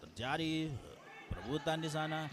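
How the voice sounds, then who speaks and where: A man's voice: a little high, lively intonation, moderate pace, background noise. A man with an Indonesian accent doing live play-by-play futsal commentary, playfully teasing the players by name.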